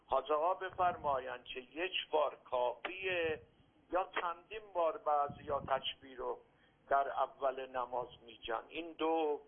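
A man from Iran phoning a radio show, politely listing his numbered religious questions. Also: on the high side. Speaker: caller. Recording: phone line on radio.

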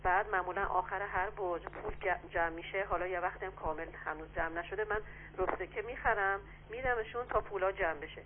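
A woman calling in to a radio show, asking questions hesitantly with many pauses and fillers. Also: medium pitch. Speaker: caller. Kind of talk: phone call-in question. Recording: tinny phone line with faint noise.

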